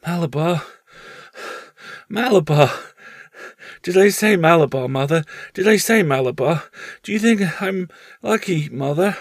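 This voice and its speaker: A man's voice: lively intonation, measured pace, no room sound, clean studio sound. A man playing a feverish, frantic young boy. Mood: dazed. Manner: frantic, shrill crying out.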